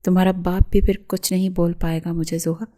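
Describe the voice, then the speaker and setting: Woman reading as an angry controlling young guy yelling at his fiancee, mellow low-key voice, storybook audio. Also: level tone, natural voice. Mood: furious. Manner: shouting, accusing, threatening. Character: furious jealous young man, domineering fiancé.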